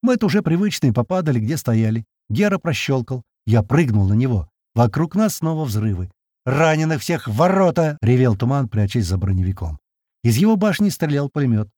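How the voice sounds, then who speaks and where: A man narrating a first-person audiobook in a colloquial, wry and expressive way. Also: medium pitch, no room sound, studio quality.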